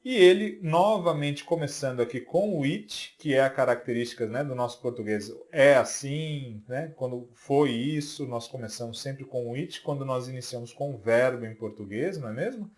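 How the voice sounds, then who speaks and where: A man's voice: medium pitch, normal speed, hardly any pauses, a little mellow. A Brazilian man teaching an English lesson, patiently drilling letters one at a time and checking in with the viewer often. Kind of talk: video lesson for beginners.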